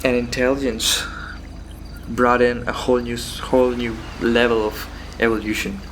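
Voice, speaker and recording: A man of medium pitch thinks aloud in a solo philosophical monologue. He moves haltingly, repeating phrases and posing questions to himself. Faint background noise with crickets and insects sits behind his voice. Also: little pitch movement, fairly bright tone. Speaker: solo host of a philosophical talk.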